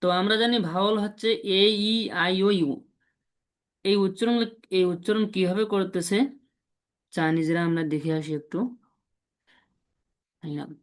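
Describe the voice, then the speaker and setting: A man's voice: high-pitched, fairly even intonation, normal speed, pauses often. A man teaching a beginner's language lesson, explaining at an easy pace with hums and fillers. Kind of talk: casual teaching.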